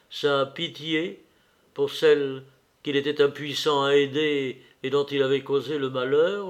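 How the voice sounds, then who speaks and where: A man reading a classic novel aloud in a measured way, with small hesitations now and then. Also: mid-range voice. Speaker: audiobook reader. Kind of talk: audiobook narration.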